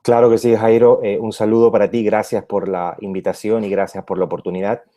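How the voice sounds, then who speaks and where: Middle-aged man, pastor guest on radio, low mellow voice, halting delivery full of fillers. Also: little pitch movement. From Peru. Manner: hesitant, many fillers and restarts. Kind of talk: radio interview conversation.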